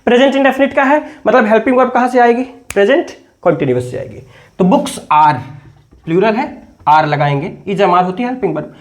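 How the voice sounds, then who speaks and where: A man's voice: high-pitched, expressive, fairly quick. A male teacher giving a classroom-style grammar lesson, explaining step by step and often asking questions to check understanding. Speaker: English teacher.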